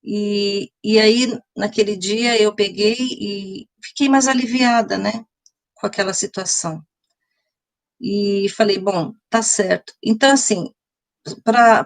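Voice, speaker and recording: Chatty middle-aged woman telling a story. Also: medium pitch. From Brazil. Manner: chatty, rambling, restarts often and addresses viewers directly. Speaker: live stream host. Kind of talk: casual storytelling on a live stream.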